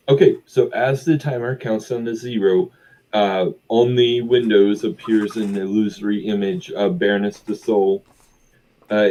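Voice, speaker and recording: A man narrating a tabletop game as game master, halting with many ums and uhs. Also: on the low side, warm tone, highs cut off.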